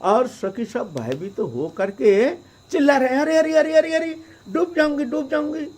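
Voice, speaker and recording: A man acting out the words of an elderly saint in a sermon story, raised and animated. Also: high voice, a little slow, slightly rough, pitched above the performer's own voice, exaggerated voice.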